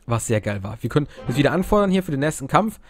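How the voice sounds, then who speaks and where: A man's voice: mid-range voice, big pitch swings, quick pace. A young man giving casual, rambling gameplay commentary, cracking crude jokes and interrupting himself. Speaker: Let's Play host.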